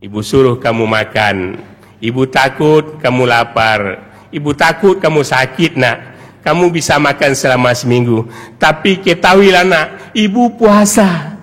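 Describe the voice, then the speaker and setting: A man's voice: lively intonation, unhurried, a bit bright. A male preacher speaking as a devoted mother who pleads with her child during a mosque sermon. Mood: tender, sorrowful. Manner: tender and pleading, with sudden swings from low murmurs to high cries. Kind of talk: Ramadan night sermon, dramatic storytelling. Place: large mosque. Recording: long echo of a large mosque hall.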